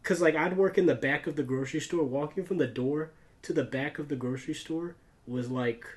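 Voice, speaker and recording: American dude on a podcast rambling thru a story, lots of slang, voice a bit higher. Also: male voice, fairly quick, darkish tone. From United States. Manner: rambling, slangy, keeps saying like, dude and bro. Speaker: YouTuber, podcast host. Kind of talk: casual chat, personal storytelling.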